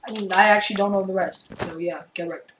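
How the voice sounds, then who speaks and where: A woman giving casual gameplay commentary on her channel, chatty and excitable, jumping between loud outbursts and mumbled asides. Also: mid-range voice, fast. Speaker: gaming channel host. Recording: roomy, distant mic with loud background noise and keyboard clicks.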